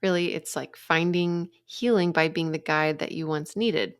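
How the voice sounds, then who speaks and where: A woman in her young adult years talks through her ideas alone on a podcast, earnest and reflective in the way a coach explains things. Her voice sits on the low side. The sound is dry and close, with no room echo. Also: steady tone, moderate pace, clear, resonant tone. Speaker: podcast host and life coach. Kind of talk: solo podcast monologue.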